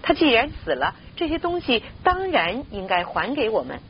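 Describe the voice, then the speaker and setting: Woman putting on greedy uncle and aunt, scornful shouting, quick raised voice, muffled, faint hiss. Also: a little high, big pitch swings, voice pushed up.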